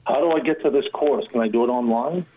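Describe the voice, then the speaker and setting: A man's voice: mid-range voice, quick pace. A man calling in to a radio show on a speakerphone, asking eager questions. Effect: speakerphone over a phone line. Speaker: caller. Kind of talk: call-in question. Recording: tinny phone line.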